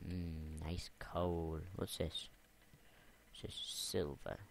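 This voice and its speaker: A young man with a deep, gravelly voice chats through his game session at an unhurried pace. He rambles, mutters and repeats words under his breath as he plays. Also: steady tone, a little hiss or hum. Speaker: gamer. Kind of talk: game commentary.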